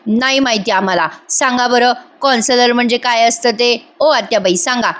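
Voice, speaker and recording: A bold young woman, quick to tease and quick to snap, read by a woman in a serial recap. Her voice is fairly high and pointed. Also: natural voice. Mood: teasing. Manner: sharp and teasing.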